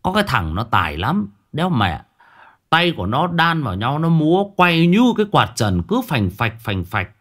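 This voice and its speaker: A man's voice: a little high, very animated, normal speed, fairly bright tone. A man narrating a ghost story in a colloquial, vivid way, with crude asides.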